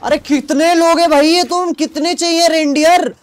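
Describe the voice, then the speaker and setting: A man's voice: extremely high pitch, steady tone, normal speed. A young man streaming a game with friends, teasing and joking in casual chat.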